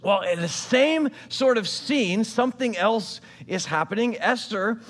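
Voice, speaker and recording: A pastor giving a sermon, retelling a scripture story in a casual, conversational way with modern slang. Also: male voice, high-pitched, expressive, a little slow, a bit bright, long reverb tail.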